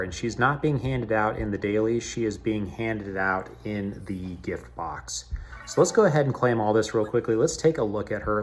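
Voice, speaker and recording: A man's voice: on the low side, fairly bright tone. A man casually talking through a mobile game's menus, recorded in a cavernous room that makes his voice sound echoey. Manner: chatty, talks himself through menus. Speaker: mobile game video host. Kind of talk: casual gameplay commentary.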